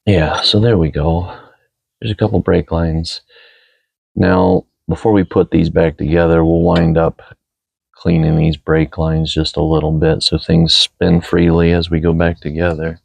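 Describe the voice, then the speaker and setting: Deep, growly man explaining car repairs. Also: measured pace. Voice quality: growly, gravelly. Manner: calm, explains step by step. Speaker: helper mechanic. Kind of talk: casual how-to explanation.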